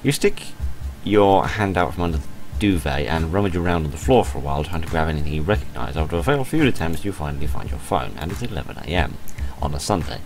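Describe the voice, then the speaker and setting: The audio is poor, but a man's very deep, slightly mellow voice comes through with lively intonation and fast delivery. As host of a game playthrough channel, he reads a visual novel with playful, dramatic flair and casual asides over game music.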